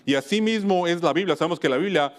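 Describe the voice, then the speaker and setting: A man's voice: high-pitched, quick pace. A man from Wisconsin preaching a church sermon, earnest, often stopping to restart and correct himself mid-phrase. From United States (Wisconsin).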